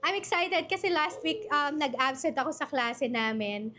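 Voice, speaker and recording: A high-pitched Filipino woman hosts a casual live stream, her voice slightly worn after a recent bout of cough and flu. She chats warmly with her audience and greets viewers one at a time by name. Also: animated, moderate pace, a little hiss or hum. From Philippines. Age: adult mother. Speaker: host of a live online workshop.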